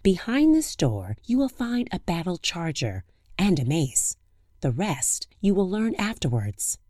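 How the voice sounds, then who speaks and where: A woman voicing the sun as a wise, kindly spirit in a fairy tale, giving calm, steady counsel. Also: on the low side, unhurried, dry recording, studio quality. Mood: instructing.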